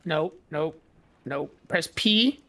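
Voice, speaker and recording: A man hosting a casual gaming chat, excitable, with loud exclamations. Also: a little high, takes it slowly. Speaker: host.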